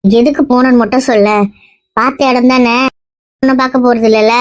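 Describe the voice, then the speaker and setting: A woman's voice: on the high side, steady tone, dry recording. A woman playing a mother who scolds and teases her daughter in a family skit. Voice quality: scolding, teasing, rapid. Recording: dull dry lo-fi sound.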